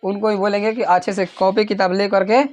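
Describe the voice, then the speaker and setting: A man's voice: high-pitched, level tone, brisk, crowd noise. Bihari teacher quizzing his class. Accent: Bihari Hindi. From Bihar, India. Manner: calls out questions for the class to answer in chorus; raises his voice to a near shout at times. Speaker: coaching teacher. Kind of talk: classroom lecture to students. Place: classroom with students.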